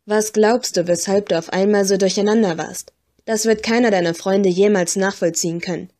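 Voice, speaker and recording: Female reader voicing a sly, smug male skull ghost in an audiobook; mid pitch. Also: steady tone, moderate pace, darkish tone, natural voice. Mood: musing. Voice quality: whispery, smug. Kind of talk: audiobook reading.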